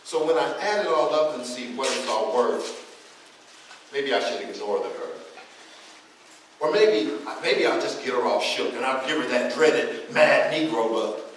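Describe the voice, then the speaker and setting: A man's voice: mid-range voice, expressive, unhurried. A man performing a live spoken-word poem with a rhythmic, rhyming delivery and wry asides. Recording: echoey room, mic far off, faint noise.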